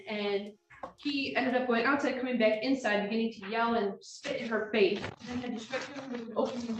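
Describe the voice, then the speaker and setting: A fairly high-voiced woman argues for the prosecution in a measured, formal tone. She is heard on a courtroom recording, picked up from a distance in a very echoey room, with faint music beneath.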